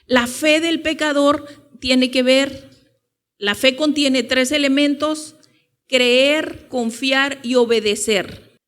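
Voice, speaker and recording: A woman preacher walks through scripture in a loose, conversational way. She fills pauses with short asides and asks rhetorical questions. She slows down on the points she wants to land. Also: sits high, fairly even intonation, a bit bright. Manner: informal, with rhetorical questions and many "eh" and "ok". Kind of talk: conversational Bible teaching.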